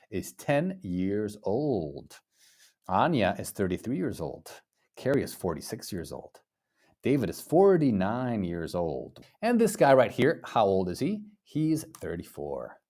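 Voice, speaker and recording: A man's voice: fairly low pitch, huge pitch swings, unhurried, dark tone. A man in his thirties teaching a live online English lesson. He keeps praising his students and drills phrases by repeating them. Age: 30s. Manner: encouraging, praises students often.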